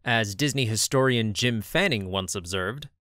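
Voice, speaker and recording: A man giving scripted documentary narration in a lively, expressive read. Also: fairly low pitch, moderate pace, a little hiss or hum.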